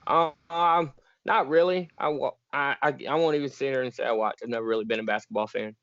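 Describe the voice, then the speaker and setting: This time the young Virginia bare-knuckle fighter's voice is mid-range and brisk, with no room sound. He's a casual, easygoing guest on a video call, laughing often, and the audio is muffled and dry.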